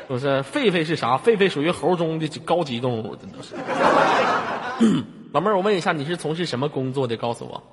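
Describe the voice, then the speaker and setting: A man with a Northeast Chinese accent hosting a live stream, teasing a caller in mock anger and bursting into shouts. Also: a little high, expressive, fairly quick, long reverb tail. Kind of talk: comic teasing chat with a caller. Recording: loud background noise.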